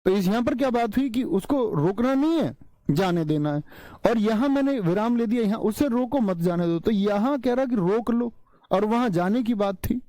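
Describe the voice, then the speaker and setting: Guy teaching a class online, slow and repeats stuff, highish mellow voice, dry close mic. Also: animated, dry recording. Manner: slow, repeats key terms, quizzes students. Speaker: Hindi teacher.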